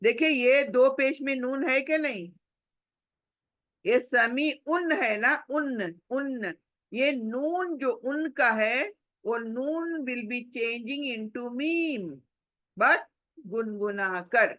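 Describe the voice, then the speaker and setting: A woman's voice: high voice, extremely slow, fairly bright tone, no echo, dull audio. A woman tajweed teacher who patiently repeats examples, hums the letters and asks questions she then answers herself. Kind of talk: recorded Quran recitation lesson.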